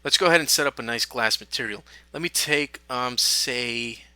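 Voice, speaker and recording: A man teaching a software tutorial, talking through each step in a relaxed way with small fillers. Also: medium pitch, moderate pace, no echo. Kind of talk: screen-recorded software tutorial.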